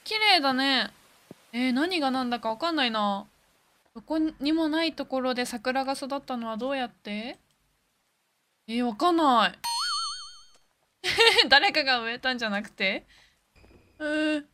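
A woman's voice: high-pitched, expressive, unhurried, long pauses, pushed and bright. A woman hosting a gaming video, talking casually while she plays and easily getting scared, with frequent startled exclamations and repeated words. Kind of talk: casual game commentary.

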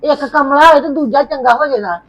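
A woman's voice: sits high, a little fast. Lecturing woman, slightly muffled. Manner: reproachful, lecturing. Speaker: actor playing a mother. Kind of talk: Punjabi family web drama acting. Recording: slightly dull audio with music.

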